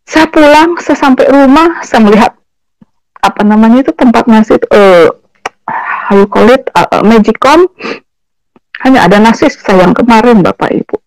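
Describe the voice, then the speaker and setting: A woman's voice: on the high side, moderate pace, long pauses, a little mellow, no room sound, rough recording. A woman giving a tearful personal testimony to an audience, her voice breaking and rising to anguished cries, with English phrases mixed into her speech. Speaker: testimony speaker.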